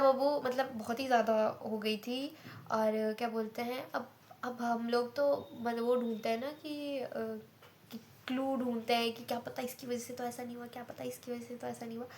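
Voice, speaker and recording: A woman's voice: on the high side, slight background noise. A young woman telling a personal story in a casual, chatty way, full of fillers and repeats. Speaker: vlogger.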